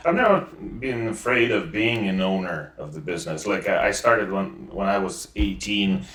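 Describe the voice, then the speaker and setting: Low-voiced Ukrainian-accented man, hesitant. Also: expressive, moderate pace, fairly bright tone, roomy sound. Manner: hesitant, many fillers and restarts. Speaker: guest. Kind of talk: casual interview.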